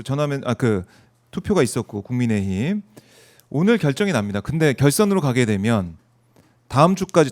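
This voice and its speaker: A man's voice: on the high side, a little mellow. Man hosting, summing up points. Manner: brief backchannels, sums up the guest's points. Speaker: interview host. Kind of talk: studio interview. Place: studio.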